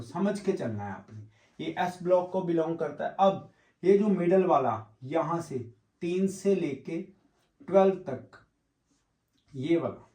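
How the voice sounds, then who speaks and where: A man's voice: on the high side, warm tone, reverberant, poor audio. A man teaching a chemistry lesson, explaining step by step and answering his own questions as he goes, mixing English terms into his talk. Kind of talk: classroom lecture with board work.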